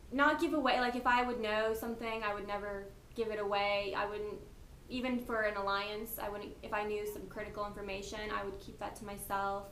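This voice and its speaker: A woman's voice: a little high, pushed and bright, reverberant, a little hiss or hum. A woman in her twenties answering casting interview questions in a chatty, giggly, slightly nervous way. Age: 20s. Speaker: reality show applicant.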